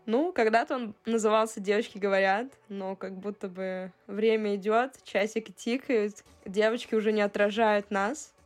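A woman's voice: mid-range voice, steady tone, moderate pace, few pauses, faint music behind. Chatty woman in her twenties. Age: 20s. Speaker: podcast co-host. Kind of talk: casual chat.

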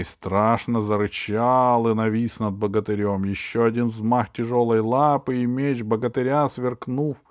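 A man narrating a children's audiobook in steady storytelling. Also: medium pitch, dry recording, clean studio sound.

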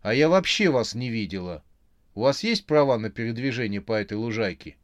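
A man voicing a quarrelsome young woman, shouting and indignant. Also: medium pitch, expressive, unhurried, dry recording, studio quality, natural voice. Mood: apologetic.

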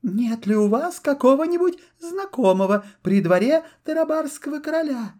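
A man's voice: extremely high pitch, big pitch swings, slow pace, a little mellow, voice pushed up, full character voice. A man voicing a sly, sweet-talking female fox with a sing-song, simpering manner, in a storybook reading.

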